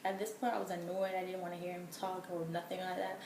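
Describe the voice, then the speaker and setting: A woman's voice: on the low side, little pitch movement, fast talker, darkish tone. A young woman telling a casual story in an exasperated, emphatic way, full of filler words. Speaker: vlogger. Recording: echoey room, faint background hum.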